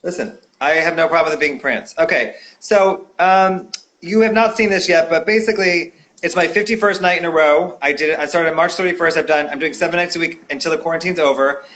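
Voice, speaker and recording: Host, male, higher voice, chatty and teasing, nightly video-call talk show. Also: brisk, fairly bright tone. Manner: chatty, playful, filler-heavy. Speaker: podcast host. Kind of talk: casual video-call interview.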